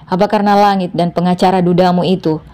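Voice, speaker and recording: Brief: selfish ex-husband, low and mellow, pleading, then accusing, read by a woman narrator. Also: fairly even intonation, fast talker, lightly acted. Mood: pleading, defensive.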